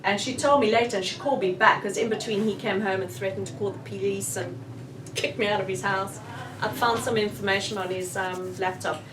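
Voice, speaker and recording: A woman's voice: mid-range voice, fairly quick. Frank South African woman in a room. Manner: frank and animated. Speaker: author. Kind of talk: candid book launch discussion. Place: bookshop event room. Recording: roomy, distant, with faint room noise.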